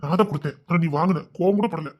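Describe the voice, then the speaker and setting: Brief: a man as a lovesick youth with a lilt, high voice, rapid patter, fretful and pleading. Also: lightly acted. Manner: fretful rambling inner monologue, then pleading. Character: lovesick young village man, restless, scheming to elope. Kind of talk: audio love-story drama.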